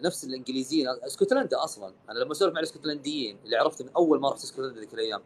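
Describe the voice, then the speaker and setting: Fast-talking man with a Saudi accent. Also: mid-range voice, a little hiss or hum. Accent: Saudi Arabic. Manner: fast, animated, mixes Arabic and English. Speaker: live stream host. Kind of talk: casual live-stream chat.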